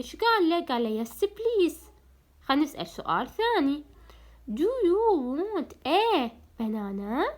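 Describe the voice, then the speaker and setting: A young woman with an Iraqi Arabic accent gives a primary school English lesson in a high, bright voice. Her pitch swings widely as she asks the children questions. She stretches the English words out slowly and clearly, then explains them in Arabic. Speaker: English teacher.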